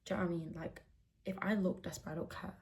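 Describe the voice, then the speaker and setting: A woman's voice: fairly low pitch, fairly even intonation, racing, a little mellow. A young woman chatting candidly while getting ready, rambling with lots of fillers. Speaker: beauty vlogger. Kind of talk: casual chat while doing makeup. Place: indoors at home, getting ready.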